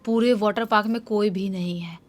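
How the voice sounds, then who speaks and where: A woman's voice: mid-range voice, steady tone, moderate pace, faint music behind. A woman narrating a horror story in a casual way and acting out the dialogue of the people in it.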